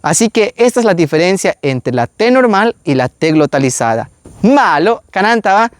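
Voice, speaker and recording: Guy teaching words, slow and careful, says everything a few times, dry close sound. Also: fairly high pitch, sing-song, no echo. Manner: slow, deliberate, repeats each word several times. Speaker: Maya language teacher. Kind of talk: pronunciation lesson.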